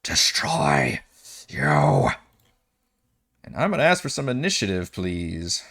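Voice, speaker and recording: Low-pitched man as game master. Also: very animated, a little fast, a bit bright. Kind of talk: narrating a tabletop game, casual.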